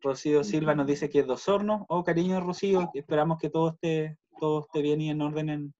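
A man from Puerto Montt, Chile, with a Chilean accent, casually hosts a virtual university welcome session from home, reading messages aloud over a video call. He talks fast in a fairly high, slightly mellow voice with fairly even intonation, and his computer microphone yields dull, lo-fi call audio.

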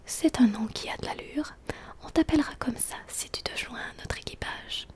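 A woman's voice: sits high, moderate pace, lightly acted. A woman voicing a menacing male pirate captain in a whispered role-play, with snarling, syrupy threats.

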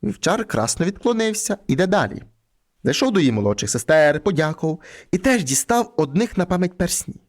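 A man reading a folk fairy tale aloud in an expressive storytelling manner. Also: sits high, brisk.

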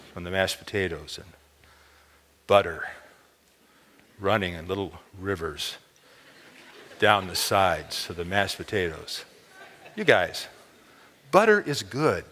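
A man in his sixties telling a story in an animated chapel sermon, gesturing as he speaks on a large dark stage, with many stammered repeats when excited. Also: medium pitch. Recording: long hall reverb.

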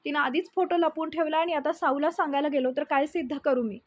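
A woman's voice: sits high, steady tone, fast talker, lightly acted. A woman reading the lines of a meek, humble old man who pleads his innocence.

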